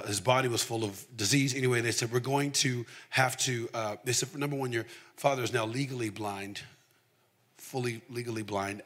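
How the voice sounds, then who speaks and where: With a bright, forceful voice of medium pitch, a southern U.S. preacher delivers a conversational sermon. He shares candid personal testimony and drives it home through repeated, emphatic phrases.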